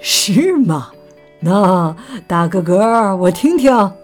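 A woman voicing a gruff, blustering father bear in a children's picture-book story. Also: medium pitch, lively intonation, faint music behind. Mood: doubtful. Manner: loud, blustering, deliberate.

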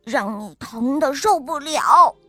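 A woman's voice: high-pitched, lively intonation, slow pace, bright, forceful tone, dry recording, exaggerated voice. A woman growling as a little frog playing monster. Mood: mock-scary. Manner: gruff mock-threatening growls. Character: little boy frog faking a scary monster. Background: faint music.

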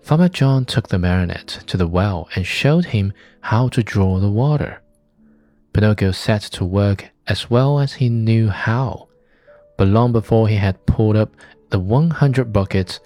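A man reads a classic storybook aloud in a low, mellow voice. His narration is calm and even, with soft music playing faintly behind him. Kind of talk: storybook reading.

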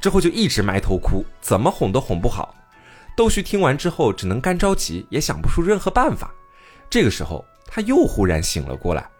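Man, casual storyteller, very animated pitch, faint music behind. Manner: lively, chatty, comments with laughter. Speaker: storyteller host.

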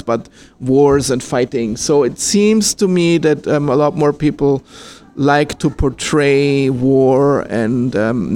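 A man from Austria answering interview questions in a casual, hesitant way, with many pauses and restarts. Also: on the high side. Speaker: interviewee, fan filmmaker.

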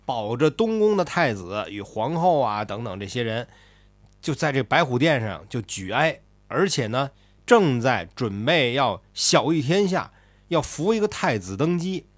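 A male storyteller who retells a classic tale in an animated, chatty way. His pitch leaps and dips constantly, and he breaks off for asides. The recording is dry and close. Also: unhurried, no echo. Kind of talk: colloquial storytelling of a classic novel.

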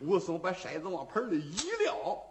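A man performing a traditional Shandong fast-clapper story, narrating in a rhythmic, vivid and dramatic way. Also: a little high, very animated, a little hiss or hum.

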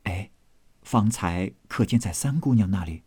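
Xiren, a man doing a calm senior maid. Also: fairly low pitch, unhurried, husky, no echo, studio quality, heavily acted. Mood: calm instruction. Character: composed senior maid, motherly and practical.

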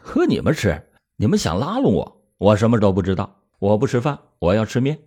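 A man voicing a burly male robbery suspect who protests in a shrill voice in a crime story. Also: big pitch swings, brisk, breathy edge. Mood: defiant. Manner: yelling, protesting.

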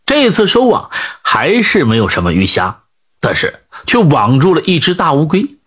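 A man telling a folk tale in an animated, conversational storytelling manner. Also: on the high side, moderate pace, breathy edge.

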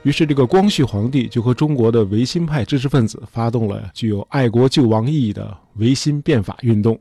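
Man, husky voice, chatty history host, lots of fillers, faint music behind. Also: medium pitch, a little fast, dark tone, no echo, clean studio sound. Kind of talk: casual history storytelling.

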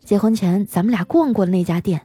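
A woman's voice: mid-range voice, fast talker, warm tone, breathy edge, close to an everyday voice. Woman putting on a wry henpecked husband. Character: easygoing henpecked young husband.

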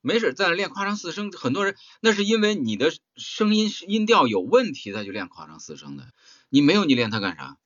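Male voice-acting teacher lecturing a workshop: blunt, emphatic, rhetorical, swinging pitch, dry dull lo-fi sound. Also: sing-song, a little fast, fairly bright tone, no echo.

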